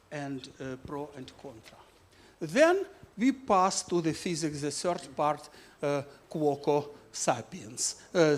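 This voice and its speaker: Man, halting. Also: a little high. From Ukraine. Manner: halting non-native English with many "uh" fillers. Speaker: physicist and book author. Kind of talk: book presentation talk.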